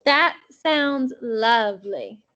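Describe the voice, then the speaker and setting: A woman reading a gentle slow old librarian. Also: on the high side, expressive, exaggerated voice. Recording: dull lo-fi audio.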